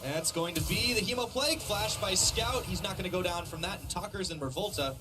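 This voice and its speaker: A man's voice: high voice, fairly quick, noisy background. A man doing dramatic live play-by-play commentary on an esports match, building toward big calls. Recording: loud music under the voice. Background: loud music.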